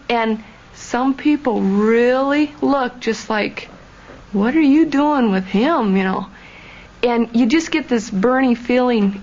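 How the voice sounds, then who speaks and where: A woman's voice: fairly high pitch, a little mellow. A young woman, a former student, recalling her experiences in a plainspoken, emphatic way. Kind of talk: candid personal recollection. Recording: dull lo-fi documentary audio with faint room noise.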